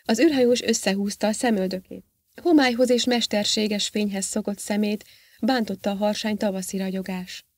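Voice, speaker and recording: A woman reading an audiobook in a steady, measured storytelling manner. Her voice sits at a middle pitch and the recording is close and dry, with no room sound. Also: no room sound. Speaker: audiobook narrator. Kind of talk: scripted narration.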